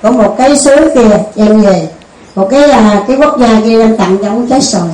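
A woman's voice: a little high, brisk, warm tone. A woman telling a folk tale in a homely, conversational way, in a roomy, distant recording. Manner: homely and conversational, with frequent restarts. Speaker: storyteller and teacher. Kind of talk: casual spoken teaching with a folk tale.

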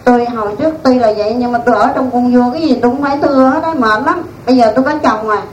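A woman's voice: a little high, racing, dull audio, natural voice. A woman voicing a contented former queen in a chatty, laughing way, inside a spoken story. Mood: gleeful. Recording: echoey room, distant mic, faint noise.

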